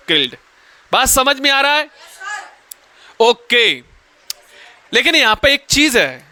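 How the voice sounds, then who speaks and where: A man teaching a classroom grammar lesson, firing questions at the students and pushing them to answer loudly. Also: extremely high pitch, clean tone, dry recording.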